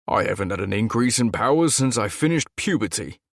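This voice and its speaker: A guarded young shifter from a fantasy audiobook, as a man plays him, tense and self-blaming. The voice is low and gravelly with lively swings of pitch. The sound is close and dry. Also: measured pace, dry recording. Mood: exasperated.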